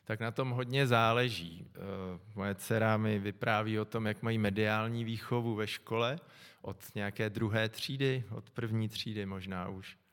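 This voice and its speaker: A middle-aged man preaching a sermon, calm and reflective, often pausing to think aloud. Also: fairly low pitch, clear, resonant tone. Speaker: pastor. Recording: long echo from a large hall.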